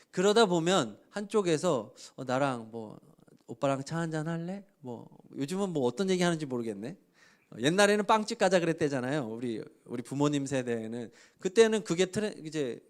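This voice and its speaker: Male pastor, thirties, youth sermon, conversational with quoted asides, clear, resonant tone. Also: a little high. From Korea. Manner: conversational, acts out little quoted lines.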